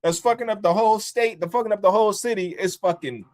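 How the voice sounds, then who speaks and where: A man who was born in upstate New York and raised in the DC area, hosting a casual livestream talk. He is loose and profane, and he mocks other people in high squealing voices. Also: quick pace. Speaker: livestream host. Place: home in Columbus, Ohio.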